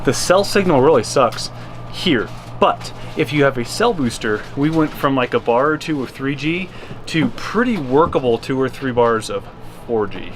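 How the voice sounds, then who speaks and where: A man's voice: mid-range voice, expressive, normal speed. Casual male vlogger, some background noise. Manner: informal, unscripted, rambling. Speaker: RV travel vlogger. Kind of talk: casual, chatty vlog talk.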